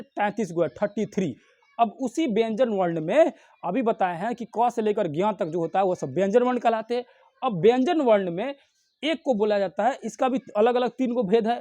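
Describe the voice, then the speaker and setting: A man's voice: high-pitched, warm tone, dry recording. A young man teaching an online grammar class, asking questions and answering them himself, sounding out letters one by one. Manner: explains step by step with repeated questions and answers.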